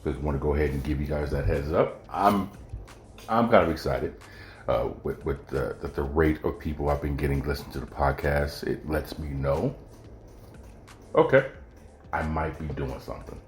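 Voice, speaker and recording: A man's voice: extremely low pitch, normal speed, a little hiss or hum. A man hosting his own podcast, chatting casually and jokingly straight to his listeners. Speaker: podcast host. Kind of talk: casual solo podcast chat. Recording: echoey room with faint music.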